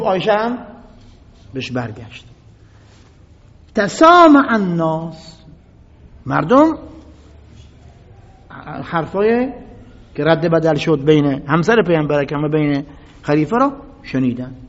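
Male religious lecturer with a high, lively voice and dramatic storytelling, recorded with long hall reverb on dull, lo-fi audio. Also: pauses often. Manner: reads Arabic passages, then retells them in Persian.

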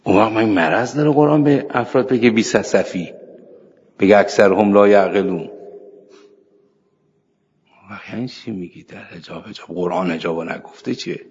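A middle-aged male cleric with a low, gravelly, husky voice, lecturing informally and slipping into scripture recitation between stories. The sound is dull and lo-fi, with a long echo from a large hall. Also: pauses often, darkish tone. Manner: storytelling, recites scripture, chuckles. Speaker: cleric teaching seminary students. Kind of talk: informal religious lecture with anecdotes.

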